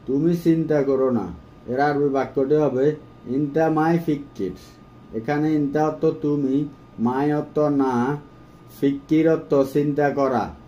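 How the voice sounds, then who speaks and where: A man giving a phrase-by-phrase language lesson, saying each phrase and then repeating it slowly and carefully. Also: fairly high pitch, steady tone, warm tone, muffled recording, a little hiss or hum. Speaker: language teacher.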